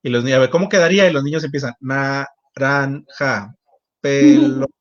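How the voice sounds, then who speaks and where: A man's voice: a little high, rapid-fire. A man who is a teacher moderating a webinar, friendly, adding his own classroom tips. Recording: dull lo-fi call audio.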